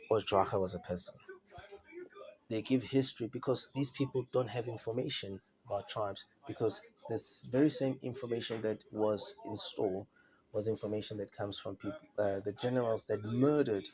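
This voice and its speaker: A man giving an informal lecture on history, halting often with restarts and checking that listeners understand. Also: fairly low pitch, darkish tone, poor audio. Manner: repetitive, halting with many restarts; asks "do you understand?".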